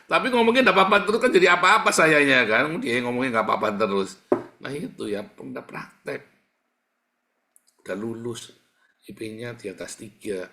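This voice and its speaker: A middle-aged man preaching a sermon in with a lilt, telling a personal story. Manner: animated storytelling, big swings in pitch and loudness.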